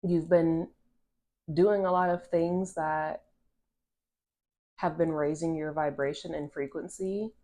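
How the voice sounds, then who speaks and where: Her allergies leave her voice stuffy and nasal as she gives a casual channeled tarot reading to her phone camera. She sits low and steady, mellow and slow with frequent pauses, rambling with restarts and plenty of "like".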